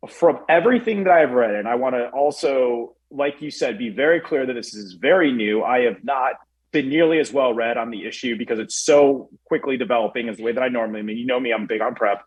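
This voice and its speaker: A man's voice: mid-range voice, brisk, husky, highs cut off. A man talking casually on a talk show, telling stories with lots of fillers and acting out what people said. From Chicago area. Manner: animated storytelling with acted-out quotes, many fillers. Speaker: guest commentator.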